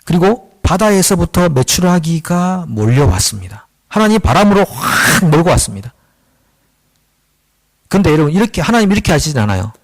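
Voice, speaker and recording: A male pastor delivers a Wednesday sermon with a lively, swooping voice that sits a little high for a man. He is conversational and animated, acting out the voices of the figures he talks about and chuckling at himself now and then. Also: normal speed. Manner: animated, acts out dialogue with God and Moses.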